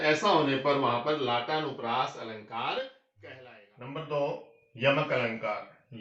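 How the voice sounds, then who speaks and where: A man teaching a grammar lesson for exam preparation, explaining step by step and slowing down to recite lines of verse. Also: medium pitch, a bit bright. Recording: echoey room, dull lo-fi sound.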